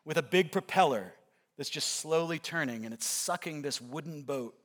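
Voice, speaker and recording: A man's voice: fairly high pitch, moderate pace. A man preaching a sermon in a church, talking conversationally and acting out movie lines as he tells a story. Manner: conversational, animated storytelling with acted-out movie quotes. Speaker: pastor. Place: church sanctuary.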